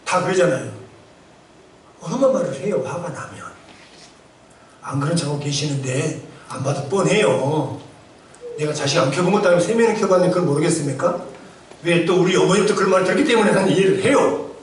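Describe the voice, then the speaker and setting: A man's voice: on the high side, animated, quick pace, pauses often, a little hiss or hum. A middle-aged male pastor preaching a sermon, full of rhetorical questions and acted-out outbursts. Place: church sanctuary. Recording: echoey church hall from far off.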